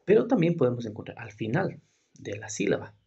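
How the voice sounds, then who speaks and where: A man's voice: mid-range voice, sing-song, brisk, warm tone, lo-fi sound. A man teaching English in Spanish, explaining step by step and asking rhetorical questions as he goes. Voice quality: very husky and gravelly. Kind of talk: explaining a grammar lesson.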